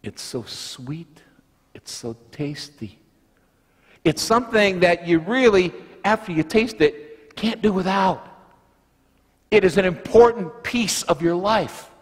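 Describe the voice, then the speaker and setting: This older American pastor has a high-pitched voice and preaches at a slow pace, weaving lively stories and folksy asides into a sermon built around an object lesson. Recorded in a church sanctuary, the audio has long reverb and a slightly husky quality.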